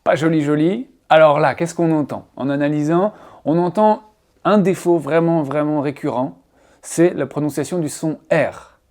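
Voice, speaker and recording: Playful, animated French man teaching English. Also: fairly high pitch, moderate pace, faint music behind. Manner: playful, teasing, animated explainer. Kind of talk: casual video lesson.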